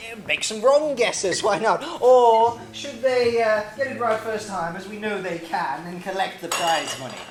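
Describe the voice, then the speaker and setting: A woman narrating an improvised story live as story master, talking in a hesitant way full of fillers. The room is echoey, with a big audience reacting around her. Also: fairly high pitch. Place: small theatre stage. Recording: roomy theatre with audience.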